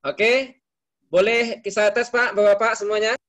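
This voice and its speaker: Male teacher, high voice, patient and methodical, quizzes the class. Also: flat delivery, normal speed, fairly bright tone. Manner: patient, explains step by step and quizzes students by name. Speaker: Arabic teacher. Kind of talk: online class, teaching Arabic phrases.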